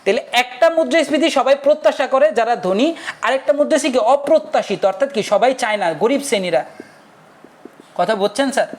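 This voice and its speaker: Here a young man teaches a casual online lesson in a very high-pitched voice at a quick pace, staying talkative and repeatedly asking if the students got it.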